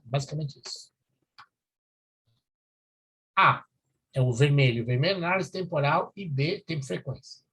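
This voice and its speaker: Lecturing at a university, a man with a slightly rough, somewhat high voice works through the material step by step. He keeps checking in with his students as he explains.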